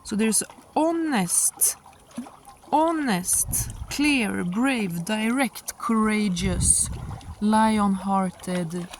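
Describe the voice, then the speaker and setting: Casting: female tarot reader, casual and halting, musing delivery, mid pitch, recorded outdoors with light water noise. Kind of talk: casual spoken tarot reading. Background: sound of moving water.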